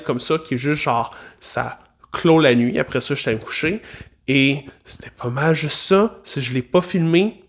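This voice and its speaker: A man with a Québécois French accent, a vlogger and music teacher, telling a travel story in a playful, animated way with lots of asides. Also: on the high side. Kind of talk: casual storytelling vlog.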